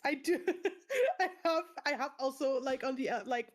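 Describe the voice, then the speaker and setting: A woman's voice: high-pitched, big pitch swings, a little slow. A young woman co-hosting a casual podcast, bubbly and giggly with lots of fillers. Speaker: podcast co-host. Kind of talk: casual chat.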